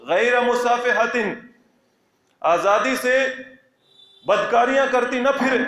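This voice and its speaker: High-voiced man teaching scripture, echoey room. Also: fairly bright tone. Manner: explains verse by verse, reciting Arabic lines then rephrasing them; emphatic, repeats key phrases for stress. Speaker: Quran teacher. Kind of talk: religious lesson explaining scripture.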